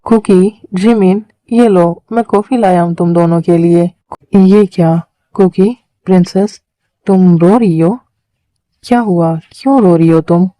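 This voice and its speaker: A woman's voice: fairly low pitch, a little slow, mellow, dry recording, natural voice, rough recording. A woman voicing a stern, protective older brother in a fan-made dubbed drama. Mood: concerned. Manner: scolding, protective.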